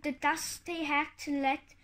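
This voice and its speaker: Woman, reading a children's book aloud, high, slow, halting with restarts. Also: level tone, fairly bright tone. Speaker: reader.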